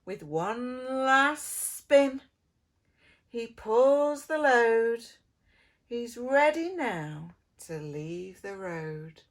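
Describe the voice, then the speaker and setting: With a fairly high voice, a woman performs a children's picture book the way a lively preschool storyteller would. She's theatrical, stretching words out and slipping into gentle, hushed lines.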